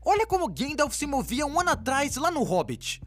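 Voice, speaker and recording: Narrating an animated explainer, a woman voices an excitable cartoon character with a Brazilian accent, wry and enthusiastic in mood. She speaks high and briskly in lively swoops, scripted yet informal and exaggerated, with faint music underneath.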